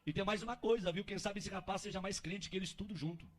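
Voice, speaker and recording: A man voicing a devout wife who gives earnest, gentle advice. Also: high voice, quick pace. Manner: earnest counsel.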